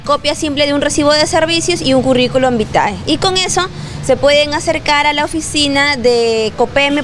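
A woman's voice: high voice, a little hiss or hum. Young Peruvian woman giving information. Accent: Peruvian Spanish. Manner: informative, slows to read out phone numbers. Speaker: program coordinator. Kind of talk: on-camera interview. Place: indoors in front of a station logo wall. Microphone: handheld station mic.

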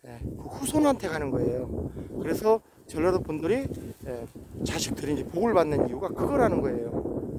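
A man's voice: fairly high pitch, very animated, moderate pace. A man in his forties talking outdoors on a rocky hillside in a casual vlog, with a preachy manner and frequent affirmations. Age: 40s. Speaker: vlogger. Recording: noisy outdoor recording.

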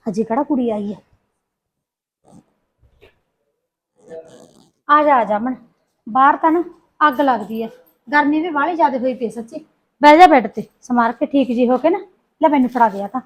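A woman's voice: high voice, lively intonation, a little fast, dull audio. A woman playing a talkative, scheming village sister-in-law in a family drama, speaking with a Punjabi accent and a coaxing, gossipy manner. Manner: chatty, coaxing, scheming asides. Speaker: sister-in-law in a short film.

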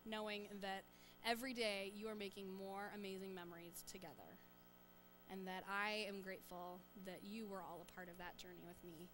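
A woman leading a children's sermon in a church, coaxing the children along with lively questions. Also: mid-range voice, normal speed, a little hiss or hum. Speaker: church children's message leader. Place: church sanctuary.

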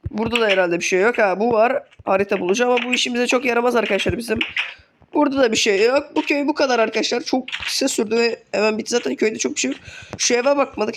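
A rapid-fire young man narrating his game for his channel, rattling along in a worn, under-the-weather voice. He keeps chatting straight at his viewers and drops casual swear words. There's a faint hiss under his voice. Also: extremely high pitch. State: sick, voice worn. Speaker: gaming channel host. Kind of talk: casual let's play commentary.

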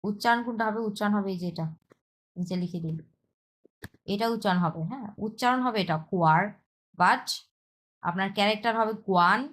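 A woman, a Bengali speaker, teaches an online Chinese lesson, explaining step by step and often checking with a quick "yes". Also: medium pitch, fairly bright tone. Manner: explains step by step, repeats herself, checks with "হ্যাঁ".

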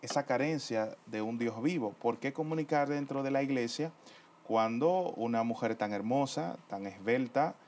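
A man's voice: medium pitch, moderate pace, a little mellow, a little hiss or hum. A man interviewing a guest on a television program, asking his questions in a friendly, playful way.

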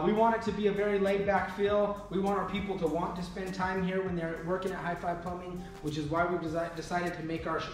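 A man in his thirties gives a relaxed walking tour of his company's warehouse and offices, using lots of fillers. His high voice is picked up from a distance by a mic on the camera following him, so he sounds a bit off-mic in echoey rooms, with soft music underneath.

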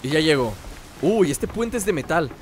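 A man giving excited let's play commentary, teasing and shouting in bursts. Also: fairly high pitch, normal speed, noisy background. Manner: excitable, loud outbursts, teasing, sings along. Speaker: gamer.

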